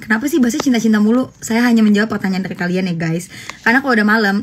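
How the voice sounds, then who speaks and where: A woman's voice: on the high side, a little hiss or hum. A young woman in her twenties chatting casually on a phone livestream, answering follower questions with jokes and bursts of laughter. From Indonesia.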